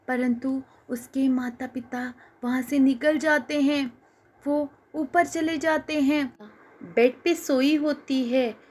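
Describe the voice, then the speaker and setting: A woman narrating an emotional cartoon moral story, telling it in a slow, emotive way. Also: sits high.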